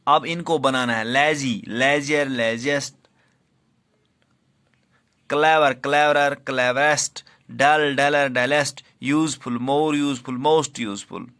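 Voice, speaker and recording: Slow, deliberate male teacher. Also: mid-range voice, fairly bright tone, smooth. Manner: reads English rules slowly, then explains in Hindi. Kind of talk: classroom grammar lesson.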